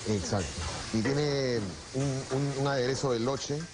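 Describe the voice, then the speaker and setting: A male Peruvian chef with a mid-range voice and fairly even intonation talks over kitchen noise, explaining recipes at an easy pace and repeating words as he cooks at the stove. He then reminisces in the dining room, and the recording carries restaurant noise.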